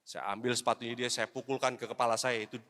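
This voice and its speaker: A middle-aged man preaching a sermon as an evangelist, telling a personal story, calling his listeners "brothers and sisters" and dropping English phrases into his talk. He swings between loud exhortation and hushed confession. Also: medium pitch, little pitch movement, fast talker. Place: church hall. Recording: reverberant church hall.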